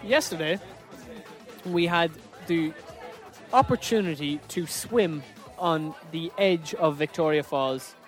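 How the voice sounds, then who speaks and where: A man's voice: fairly high pitch, takes it slowly, soft background music, a faint crowd. A man co-hosting a travel vlog outdoors on a river boat, talking in an easygoing, playful way. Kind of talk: casual travel chat.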